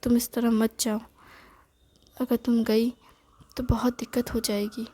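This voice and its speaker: A woman's voice: on the high side, level tone, measured pace, dark tone, breathy edge, no echo. A woman reading the lines of a protective young man who keeps pleading with a girl, in her own voice.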